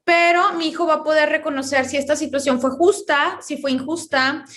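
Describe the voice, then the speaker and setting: High-voiced woman telling stories. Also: steady tone, brisk, fairly bright tone. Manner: explains with long personal anecdotes, acting out quoted dialogue. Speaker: psychologist guest. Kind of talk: conversational interview.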